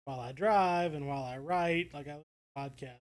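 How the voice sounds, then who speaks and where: A brisk, fairly high-pitched American man co-hosts a podcast. In casual discussion he feels his way through his thoughts with hesitant, circling phrases.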